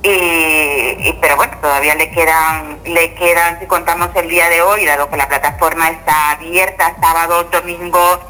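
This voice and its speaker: An older woman with a slightly hoarse voice on a phone call, explaining things informally and reassuringly as a guest lawyer. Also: lowish voice, fairly even intonation, normal speed, few pauses. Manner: reassuring, checks in with tag questions. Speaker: immigration lawyer, radio guest. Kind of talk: informal explanatory interview talk. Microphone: telephone. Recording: bright phone call with faint noise.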